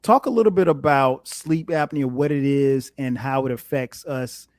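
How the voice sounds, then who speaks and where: A man's voice: mid-range voice, normal speed, a little mellow, dry recording. Man hosting a casual, dry-sounding interview. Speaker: interviewer, host.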